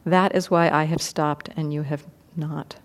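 A woman voicing a calm, serene male spiritual teacher, speaking slowly and quietly. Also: low voice. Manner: slow, quiet, measured.

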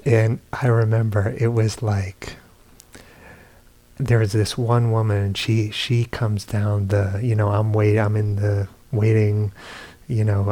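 Meditation teacher, man, lowish voice, slow relaxed storytelling with hushed asides. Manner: slow, unhurried storytelling with soft laughs and hushed quoted asides. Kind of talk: dharma talk. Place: retreat center meditation hall.

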